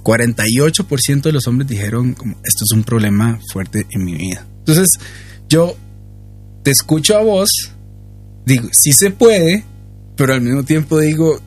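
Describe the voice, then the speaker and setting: A man's voice: medium pitch, lively intonation, normal speed, a little mellow, breathy edge, soft background music. A young man co-hosting a family talk show, listening attentively and giving frequent small replies. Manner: attentive, with frequent back-channel sounds. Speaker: co-host. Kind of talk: podcast interview hosting.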